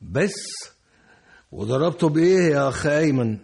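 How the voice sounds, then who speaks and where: An actor playing a firm police officer questioning a family, with an Egyptian accent, in a radio drama. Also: male voice, a little high, animated, moderate pace, creaky, darkish tone, slightly rough, heavily acted. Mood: stern. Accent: Egyptian Arabic. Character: police officer, stern and shocked interrogator.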